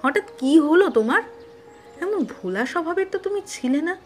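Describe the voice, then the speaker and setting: Brief: actress as a concerned young wife, high and expressive, soft music underneath. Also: female voice, a little fast. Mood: puzzled. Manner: concerned, questioning, affectionate. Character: caring, worried young wife and mother. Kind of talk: Bengali audio drama acting.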